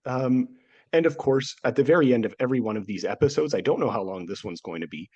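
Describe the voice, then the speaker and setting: Fighting off a cold that almost cost him his voice, this history podcast host talks quickly and expressively from his home studio, recording remotely. His medium-pitched voice is warm and husky, the audio's highs are cut off, and he keeps cracking jokes and laughing.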